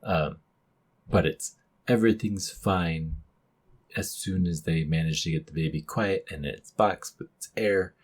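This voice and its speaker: Male podcast co-host, low husky voice, thoughtful analysis with loud emphatic bursts. Casual film discussion. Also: unhurried.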